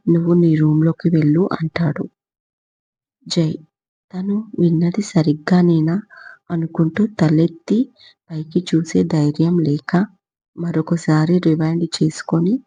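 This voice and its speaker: A woman narrating a romantic story in a steady, even reading. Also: lowish voice, breathy edge. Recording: muffled lo-fi recording.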